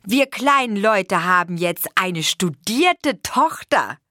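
Woman doing a middle-aged father, broad, hearty, lively, dry sound. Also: medium pitch, slow, no echo, voice pushed up. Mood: proud. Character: proud working-class father, middle-aged man.

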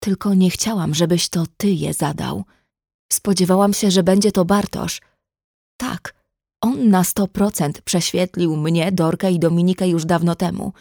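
A woman's voice: on the low side, fairly even intonation, measured pace, gravelly, a little mellow, no room sound, clean studio sound. A woman voicing a wounded, bitter young red-haired woman who makes tearful, cutting accusations in an audiobook. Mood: anguished.

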